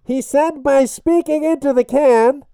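A man in a comedy sketch speaking into a tin can phone, his voice muffled by the can, loud and insistent as he shows off his invention. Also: very high voice, fairly even intonation, measured pace, no echo, studio quality. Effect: voice muffled through a tin can phone.

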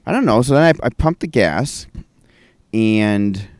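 A man's voice: fairly low pitch, expressive, measured pace, no echo, clean studio sound. A man co-hosting a casual podcast, telling rambling stories on his deck. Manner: rambling, self-correcting storyteller. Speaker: podcast co-host. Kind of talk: casual chat. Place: outdoor home deck.

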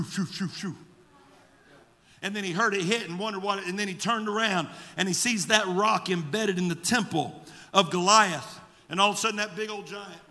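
A male pastor preaching a sermon with fervor, moving between shouted exhortation and quiet storytelling. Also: high voice, in a large hall. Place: church sanctuary.

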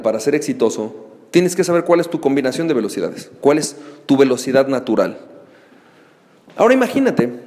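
Slightly high-pitched and trailed by a long reverb, this podcast host talks on his own in an animated way. He spins a playful story and performs the voices, including friends yelling.

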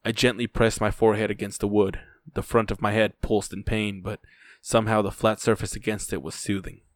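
A man's voice: fairly low pitch, level tone, fairly quick, dry recording. A man narrating a first-person story in a dry, weary telling.

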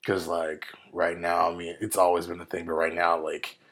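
A man from the United States in a casual movie discussion, talking in an animated way and acting out reactions. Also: low voice, moderate pace. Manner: animated, acts out reactions in quoted voices.

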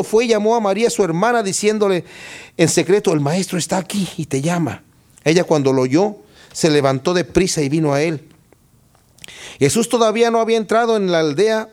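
A man preaching a Bible study sermon, reading scripture aloud and explaining it with lively questions to his listeners. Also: a little high. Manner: expressive, reads scripture then explains it, asks the listeners questions.

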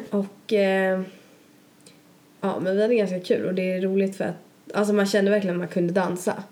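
A woman's voice: mid-range voice, fairly even intonation, long pauses, mellow. Rambling young woman telling a story. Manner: rambling, lots of fillers and quoted asides. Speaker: podcast co-host. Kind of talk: casual storytelling chat.

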